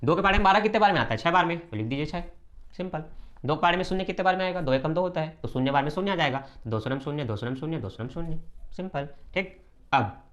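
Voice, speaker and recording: A man teaching a math lesson step by step, brisk and repetitive, often checking that students follow. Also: on the high side, fairly bright tone.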